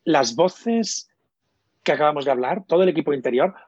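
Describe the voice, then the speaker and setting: A man's voice: fairly high pitch, lively intonation, moderate pace, a little mellow, no echo. A man, a coach who explains his methods thoughtfully in an interview and often hesitates mid-sentence. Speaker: coach and trainer. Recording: dull, lo-fi, dry.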